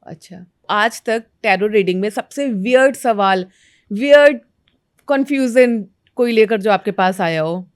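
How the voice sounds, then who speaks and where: A woman's voice: mid-range voice, animated, unhurried, no echo, clean studio sound. A woman interviewing a guest, asking curious, probing questions and nodding along with short acknowledgements.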